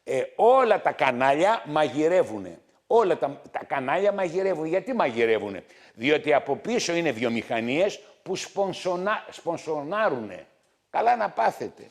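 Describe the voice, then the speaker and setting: A middle-aged man hosting a health show as a doctor, scolding his viewers loudly and repeating his points again and again. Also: a little high, very animated. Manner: loud, scolding, repetitive, hammering points. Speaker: TV doctor host.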